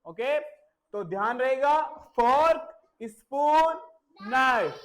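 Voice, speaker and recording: A man's voice: very high voice, expressive, very slow, a bit bright. A man teaching a classroom vocabulary lesson, repeating each word and spelling it out letter by letter. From India.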